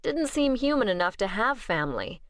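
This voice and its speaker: A woman narrating an audiobook in a measured, steady storytelling manner. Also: on the high side, no echo, clean studio sound.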